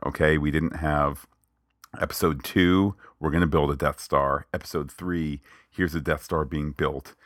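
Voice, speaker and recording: A low-voiced man talks about a movie in a casual film review chat with strong opinions and playful tangents. His voice sits very deep, and the recording is dry and close. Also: no echo. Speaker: podcast co-host.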